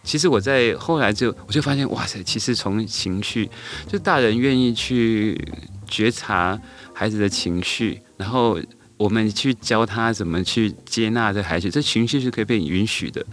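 An elementary school teacher, a middle-aged man appearing as a podcast guest, tells a story unhurriedly in a lowish voice at a moderate pace. He uses many hesitant fillers and restarts.

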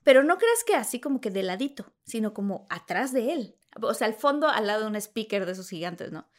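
A woman with a Mexican Spanish accent, a guest telling an anecdote in an animated way. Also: mid-range voice, brisk. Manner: animated, acts out the scenes. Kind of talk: storytelling anecdote.

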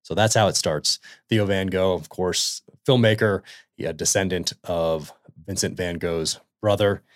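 A man hosting a podcast, reading a book excerpt aloud and then welcoming his guest in a halting way, with many fillers and restarts. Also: low voice, steady tone, no echo, studio quality. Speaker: podcast host.

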